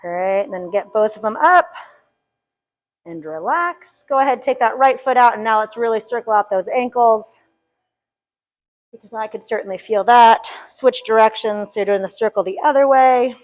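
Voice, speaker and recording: High-pitched lady teaching chair yoga, upbeat, jokey, bit breathless, counting reps out loud. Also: moderate pace, low-quality recording. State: a little out of breath. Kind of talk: live fitness class instruction.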